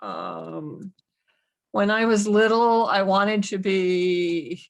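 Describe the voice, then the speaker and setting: A woman's voice: mid-range voice, steady tone, extremely slow, gravelly. A woman casually introducing herself and reminiscing in an online meeting. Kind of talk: casual chat.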